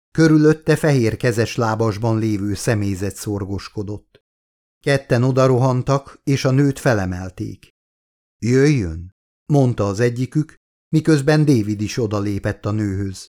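A man narrating his own book aloud at a mid-range pitch. His reading is steady and measured, with even, deliberate phrasing. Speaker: audiobook narrator and author. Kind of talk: scripted narration.

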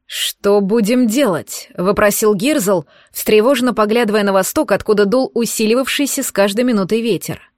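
A woman narrating a fantasy audiobook in a measured, lightly dramatic voice. Her pitch sits in a middle range, and the recording is very dry and close. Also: dry recording. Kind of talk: scripted narration.

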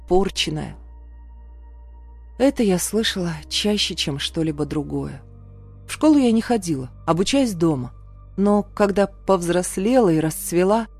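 A woman reading a first-person story aloud in a calm, even narrating manner. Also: mid-range voice. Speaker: audiobook narrator.

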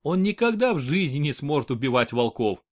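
A man narrating an audiobook in a measured storytelling manner. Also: a little high, sing-song.

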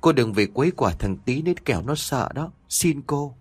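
Male narrator voices pious old village grandmother, fearful, pleading; lively pitch. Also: normal speed, breathy edge, no echo. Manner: pleading, murmured prayer.

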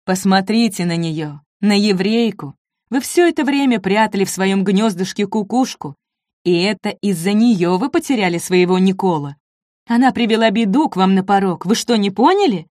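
A woman's voice: mid-range voice, animated, normal speed, a little mellow, dry recording, lightly acted. A woman voicing a harsh, menacing male German officer in a dry, close recording. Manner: threatening, contemptuous.

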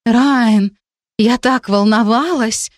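A woman's voice: a little high, takes it slowly, no room sound, studio quality, voice pushed up. Woman doing a whiny clingy fox-shifter girl. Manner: whining, complaining.

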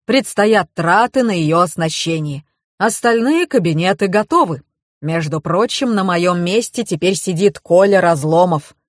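A woman voicing a blunt, gruff male police colonel who speaks curtly. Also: fairly low pitch, lively intonation, a little slow, dry recording, studio quality. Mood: matter-of-fact.

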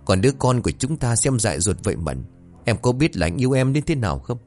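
A man's voice: medium pitch, sing-song, fast talker, a little mellow, faint music behind, close to an everyday voice. A man voicing a grieving, obstinate young man who speaks in a pleading, insistent way in a told ghost story.

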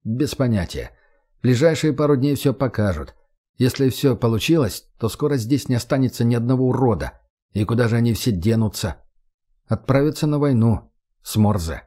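A man voicing a self-assured young man who speaks calmly, bluntly and matter-of-factly. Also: medium pitch, normal speed, natural voice. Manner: calm, blunt, matter-of-fact.

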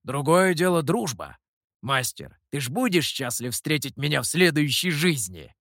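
A man's voice: on the high side, sing-song, moderate pace, a bit bright, no room sound, clean studio sound. A man voicing a teasing, gloating male monkey demon in an audiobook, speaking in a mocking tone. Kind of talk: audiobook character voice.

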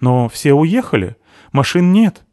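A man voicing an indignant young woman who complains loudly and feels overlooked. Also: fairly high pitch, big pitch swings, measured pace, no room sound, clean studio sound, voice pushed up. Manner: exasperated, loud complaints. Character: indignant young woman, hardworking, easily offended.

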